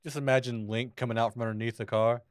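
Man, co-host, jokey, mid-range pitch, dry close recording. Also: steady tone, fast talker, clear, resonant tone, no echo. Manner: jokey, laughs often, short quips. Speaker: podcast co-host. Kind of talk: casual chat.

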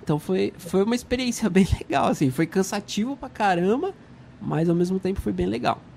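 A man, chatting casually as a guest musician, telling relaxed stories full of slang and fillers. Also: high voice, fairly quick, gravelly, a little hiss or hum. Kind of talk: casual chat.

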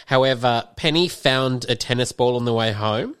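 A man chatting from his home kitchen. He hosts casually and asks eager, curious questions in a mid-pitched voice. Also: moderate pace, a bit bright, smooth, no echo, studio quality. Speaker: podcast host. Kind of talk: casual chat.

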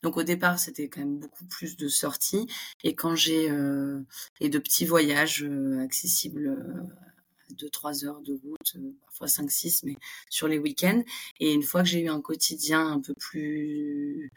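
A young Frenchwoman talking as a guest in a relaxed interview, chatty and full of fillers. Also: low voice, a little slow, slightly rough. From France. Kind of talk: casual interview conversation.

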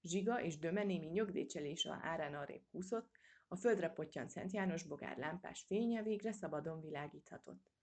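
A woman reading a children's storybook aloud in a steady, measured way. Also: on the low side. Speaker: audiobook reader. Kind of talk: storybook narration.

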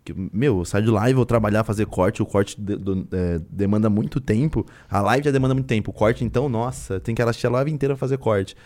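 A man's voice: lowish voice, fairly quick, few pauses, a little mellow. A young man with a Brazilian Portuguese accent, chatting casually and full of informal slang as a host. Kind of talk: casual chat.

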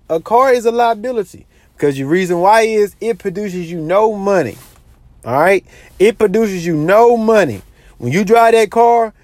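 Brief: man with a high voice, recorded close and dry, casually and repetitively lecturing about money. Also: darkish tone, no echo. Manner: repetitive, lecturing, says "you know what I'm saying" a lot. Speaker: money advice vlogger. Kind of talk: casual advice monologue.

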